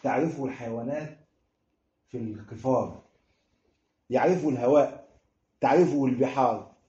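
A man's voice: medium pitch, moderate pace, mellow. A man with an Egyptian Arabic accent preaching a sermon fervently, building into emphatic repetitions. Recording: roomy, dull lo-fi sound.

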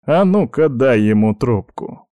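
A man voicing a stern, doting old grandfather who heads a clan, speaking slowly, heavily and commandingly. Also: mid-range voice, lively intonation, mellow, dry recording, pitched above the performer's own voice, natural voice. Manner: slow, heavy and commanding.

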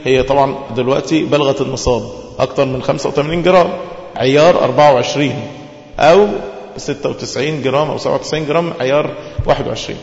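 Fast-talking Egyptian preacher in an echoey hall. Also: male voice, mid-range voice, a little mellow. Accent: Egyptian Arabic. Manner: asks the listeners questions and answers them himself. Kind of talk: religious lesson sermon. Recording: echoey hall, dull lo-fi sound.

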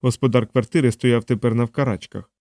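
A man narrates an audiobook in a steady, even storytelling manner, at a middle pitch for a man. The recording is dry and close, with no room echo. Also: brisk. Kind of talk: scripted narration.

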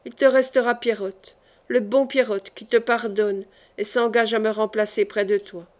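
A woman reading the part of a gentle young man on his deathbed, soft, weary and affectionate. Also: a little high, steady tone, normal speed, natural voice. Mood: tender.

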